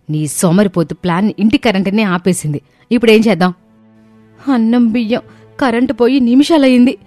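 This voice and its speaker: Taking on each character in a family story, this storyteller switches between the daughters-in-law and the mother-in-law. Her voice sits on the high side with a darkish tone, and there's no echo.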